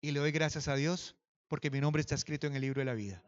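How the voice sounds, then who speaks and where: A man preaching a sermon as pastor, telling a personal story and swinging from hushed to loud. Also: on the high side, fast talker, smooth, lo-fi sound.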